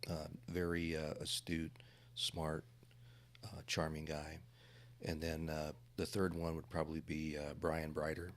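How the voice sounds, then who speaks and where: Very deep-voiced male trial lawyer. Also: completely flat delivery. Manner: halting, many fillers. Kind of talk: panel podcast discussion.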